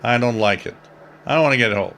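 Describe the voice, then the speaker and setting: At a quick pace, a man in his fifties chats casually through viewer comments on his live shortwave radio stream, rambling and cracking jokes. His voice is medium-pitched and fairly bright, with slight background noise.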